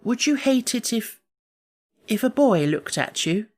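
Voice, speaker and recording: Man doing an eager young girl, pitched up. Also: big pitch swings, measured pace, exaggerated voice. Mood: curious.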